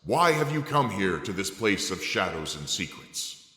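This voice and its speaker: A man reading as a solemn bound ghost, his voice run through a voice changer app's storyteller preset, slow and ominous. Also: deep voice, very animated, bright, forceful tone, pitched below the performer's own voice, full character voice. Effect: voice changer app, storyteller preset. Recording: echoey, long reverb.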